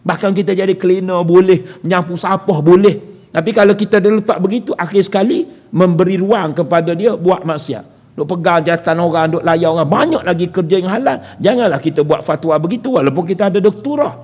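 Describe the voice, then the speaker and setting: A man's voice: high voice, fairly quick, a little mellow, slightly rough, lo-fi sound. A man with a Malaysian Malay accent giving an evening religious lecture in a prayer hall, talking conversationally, quizzing his listeners and referring to himself as Ustaz. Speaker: religious teacher.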